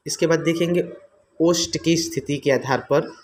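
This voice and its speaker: A man's voice: a little high, steady tone, moderate pace, slight background noise. A man teaching an exam-prep grammar lesson, asking his own questions and answering them, repeating each term.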